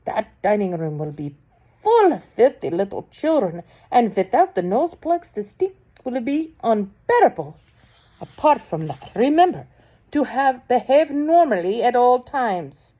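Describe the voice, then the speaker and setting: A woman's voice: fairly high pitch, very animated, measured pace, warm tone, pitched above the performer's own voice. A woman reading aloud and voicing a cruel, commanding elderly witch queen who barks orders. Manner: imperious, barking orders.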